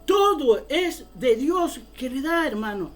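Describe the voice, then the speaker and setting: A woman's voice: high voice, very animated, takes it slowly, faint music behind. A woman preaching a fervent sermon, often calling her listeners brother.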